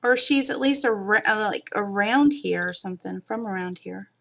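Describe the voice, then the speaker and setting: A gravelly, fairly bright mid-range voice at a moderate pace comes from a middle-aged Kentucky woman hosting a live craft stream. With her mild Kentucky accent, she keeps up a chatty, casual conversation with viewers in the chat.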